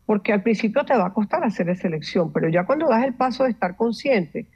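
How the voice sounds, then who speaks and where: A woman, a meditation coach explaining calmly and instructively, mixing in English words. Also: mid-range voice, fast talker, breathy edge, highs cut off. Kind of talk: explanatory interview talk.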